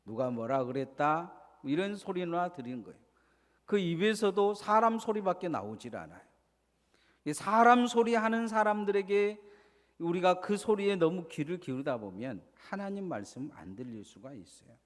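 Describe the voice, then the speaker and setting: Male pastor, slightly high voice, preaching with rhetorical questions in a long-reverb sanctuary. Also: animated, moderate pace. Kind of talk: sermon. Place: church sanctuary.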